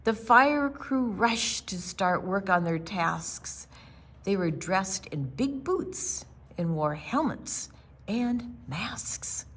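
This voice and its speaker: This is a woman with a mid-range voice giving an expressive reading of a rhyming picture book for kids. The performance is theatrical, with dramatic pauses and plenty of emphasis.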